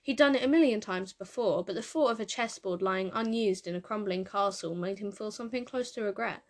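A woman narrating a piece of fan fiction in a measured, expressive storytelling manner. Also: mid-range voice.

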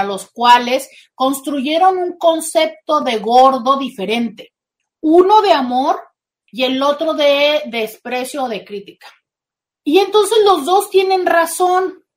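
High-voiced emphatic woman. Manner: emphatic, animated, slips into quoted voices. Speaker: host and therapist. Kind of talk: casual advice talk.

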